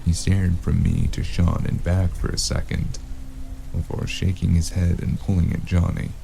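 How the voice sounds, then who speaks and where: An actor playing a brooding, wry loner, narrating a noir detective audio drama in a gravelly, understated way. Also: male voice, sits low, little pitch movement, moderate pace, mellow, a little hiss or hum. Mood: brooding, tense. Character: gruff, wry noir loner stranger narrating his story. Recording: music behind the voice.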